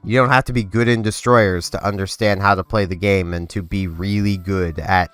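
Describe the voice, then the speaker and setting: This gaming-channel host is a young man with a congested, low-pitched voice that's smooth and fairly bright, with fairly even intonation at a moderate pace. He rambles loosely over gameplay, often interrupting himself, restarting and leaning on fillers. Faint game music sits under a dry, close recording.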